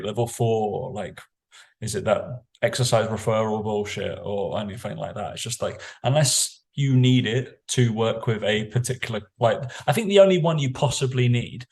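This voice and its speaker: A man's voice: on the low side, a little mellow. A British man, a fitness coach, chatting casually on a podcast in a blunt, sweary, rambling way.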